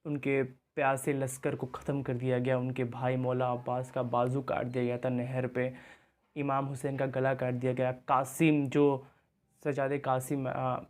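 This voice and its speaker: A man's voice: mid-range voice, completely flat delivery, normal speed, a little mellow. A young man hosting a reaction video, explaining things in casual commentary and mixing English words into his talk. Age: young adult.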